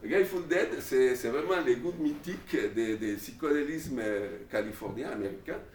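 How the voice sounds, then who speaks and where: A man delivering an informal classroom lecture in an animated way, often restarting his phrases. His voice sits in the middle range. The room echoes, and the mic is far away. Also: mid-range voice, moderate pace, slight background noise. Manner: animated, repetitive restarts and fillers.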